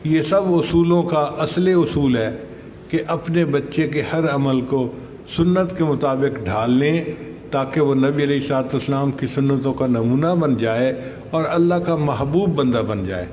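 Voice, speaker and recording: An older man giving a slow, measured sermon, telling stories and reciting Arabic verses. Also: mid-range voice, a little mellow. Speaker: religious scholar. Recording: echoey hall with faint noise.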